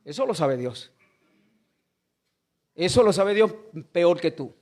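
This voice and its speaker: Man, pastor's sermon, high voice, retells scripture casually, quizzes the church. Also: sing-song, slow. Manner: retells scripture conversationally, asks the congregation questions.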